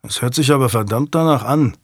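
A man's voice: medium pitch, a little fast, husky, no room sound, studio quality, lightly acted. A man voicing a sulky, scornful young noble.

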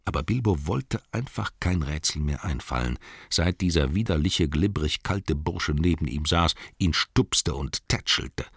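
Male storyteller, low gravelly voice, lively delivery, dry studio sound. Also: no echo. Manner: measured storytelling. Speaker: narrator. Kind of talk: audiobook narration.

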